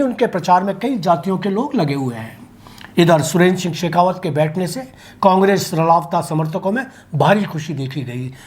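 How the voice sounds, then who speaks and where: A local news commentator reading an opinionated political commentary from a script, with vivid turns of phrase. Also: mid-range voice.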